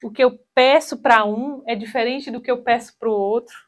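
Woman, thirties, spiritual talk, fairly high voice, animated, handheld mic, small hall. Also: normal speed. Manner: animated, acts out quoted voices. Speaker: speaker giving a talk. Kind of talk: spiritual talk with personal stories.

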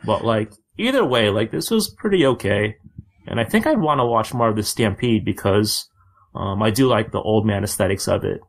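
A man co-hosting a podcast, talking in a relaxed, casual way and filling his speech with lots of "like" and "uh". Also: lowish voice, normal speed. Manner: relaxed, filler-heavy with frequent "like". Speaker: podcast co-host.

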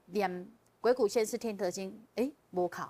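A woman as a guest telling a personal story in casual chat, animated and often laughing as she relives the emotion. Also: mid-range voice, normal speed. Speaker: guest sharing a personal testimony.

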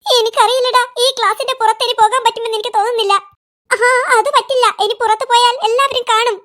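A voice artist playing a scheming schoolboy in a comic cartoon, nervous and hushed as he plots to hide his mischief. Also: very high voice, steady tone, fast talker. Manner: nervous, whispering plotter. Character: scheming schoolboy hiding cut hair.

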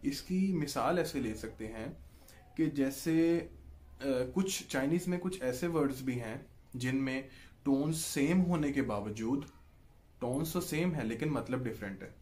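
A language teacher with a Pakistani Urdu accent gives an online lesson, patient and unhurried in his explanations. His voice is a slightly mellow, ordinary middle pitch, and he draws out example sounds while repeatedly saying "ठीक है जी" to check the listener is following.

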